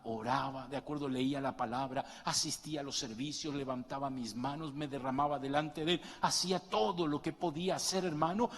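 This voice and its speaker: Middle-aged pastor preaching in a reverberant hall. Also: male voice, mid-range voice, fairly bright tone, slightly rough. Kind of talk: sermon. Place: church hall. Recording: long reverb of a large hall.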